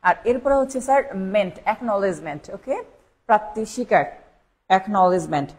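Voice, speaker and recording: A woman's voice: medium pitch, animated, brisk, darkish tone, slightly rough. A woman teaching a live online English spelling lesson for exam preparation. She repeats each word several times and spells it out letter by letter.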